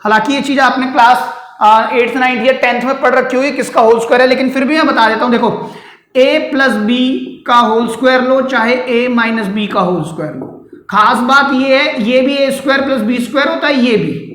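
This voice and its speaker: A man with a very high, slightly bright voice teaches a maths lesson briskly at a board in a classroom. He goes step by step, questions his students and then answers for them, and calls them "beta" and "sir", all in an echoey room.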